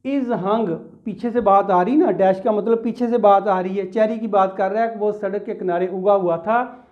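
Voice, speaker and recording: Teaching English grammar in a classroom lecture, this Pakistani-accented man speaks in a high pitch with fairly even intonation at a moderate pace, and the recording has its highs cut off. He's patient, asks and answers his own questions, addresses students as "beta," and blends English terms into what he explains.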